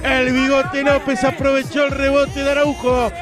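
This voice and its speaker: A man with a Uruguayan accent giving breakneck, excited football commentary with emphatic, shouted, drawn-out goal calls. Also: very high voice. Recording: radio broadcast with music and crowd.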